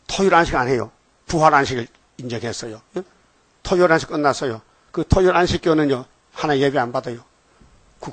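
A man's voice: fairly high pitch, dry recording. An older man giving an informal, rambling sermon, often checking on listeners with short questions. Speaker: preacher.

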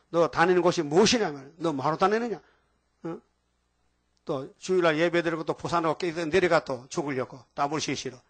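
Higher-voiced man preaching a sermon. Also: fairly bright tone. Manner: colloquial preaching, with frequent rhetorical questions to the congregation; reads scripture aloud slowly and deliberately.

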